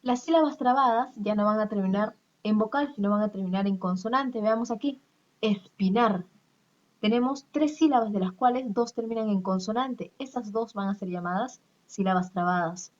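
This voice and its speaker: A woman's voice: mid-range voice, a little fast, hardly any pauses, highs cut off. A woman teacher, explaining step by step in a recorded class lesson and checking that her students follow.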